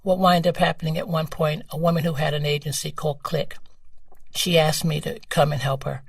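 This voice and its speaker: An older woman from New York with a New York accent, telling her story as a guest in a casual interview, animated and laughing. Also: sits low, a little fast, gravelly, dry recording, far from the mic. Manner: animated, laughing, acts out quoted voices.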